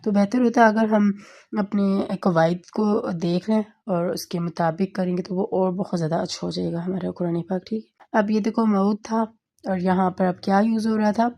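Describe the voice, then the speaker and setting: A woman tutor patiently explaining a tajweed lesson, often checking in with "okay", slowing down to recite verses. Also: medium pitch, steady tone, creaky, mellow. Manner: patient, repeats "theek hai" often; slows down to recite Quranic verses.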